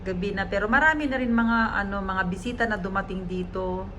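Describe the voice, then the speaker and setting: Brisk and medium-pitched, a woman with a Filipino accent talks informally to her vlog audience; she works as event info point staff. Background noise is audible, with the setting either outdoors or at an office doorway.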